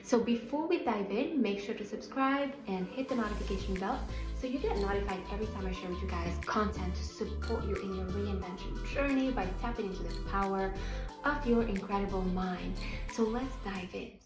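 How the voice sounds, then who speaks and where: This motivational coach from Morocco has a mid-range voice, a Moroccan accent and a brisk delivery. She addresses her channel's viewers earnestly and emphatically on self-help, with roomy echo and faint music under her.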